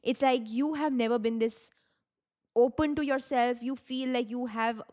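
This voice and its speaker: A woman's voice: fairly high pitch, fairly even intonation, unhurried, darkish tone. A woman with an Indian accent gives an informal tarot reading, mixing Hindi phrases into her English and addressing the listener directly. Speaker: tarot reader and video host.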